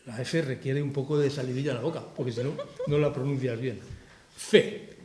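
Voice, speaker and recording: A man's voice: mid-range voice, steady tone, quick pace, a crowd in the background. A man with a Castilian Spanish accent presenting his book to an audience in a hall, talking in a forthright, sarcastic and impassioned way. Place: cultural society hall with audience. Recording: roomy hall echo.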